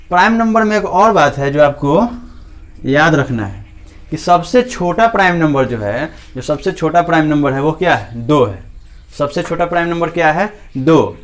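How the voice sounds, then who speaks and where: A man leads a maths lesson in a fairly high voice. He asks his class questions and then answers them himself, and he goes back over key points again and again. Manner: repeats key points often. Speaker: teacher.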